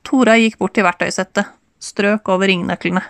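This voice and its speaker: A woman narrates an audiobook in a calm, measured way. Her voice sits at a middle pitch, and the recording is close and dry, with no room sound. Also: vocal fry, clear, resonant tone, no echo. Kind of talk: scripted narration.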